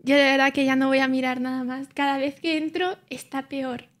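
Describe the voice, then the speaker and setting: A woman's voice: high-pitched, fairly even intonation, moderate pace, fairly bright tone. A young woman streaming live, chatting casually and playfully with her viewers and teasing them back.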